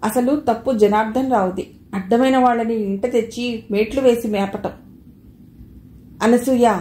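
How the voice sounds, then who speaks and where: A woman narrating an audio novel with steady scripted storytelling. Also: on the high side, moderate pace. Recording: echoey room with faint noise.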